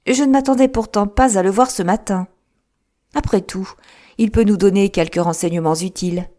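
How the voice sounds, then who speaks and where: A woman voicing a sharp, composed male detective in an audiobook, with a lifted, emphatic delivery. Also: mid-range voice, moderate pace, voice pushed up, natural voice. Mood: amused. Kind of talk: audiobook character reading.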